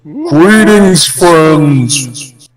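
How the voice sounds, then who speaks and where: A man's voice: fairly high pitch, lively intonation, very slow, poor audio. A man co-hosting a casual livestream chat through a voice changer, talking keenly with frequent restarts. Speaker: co-host.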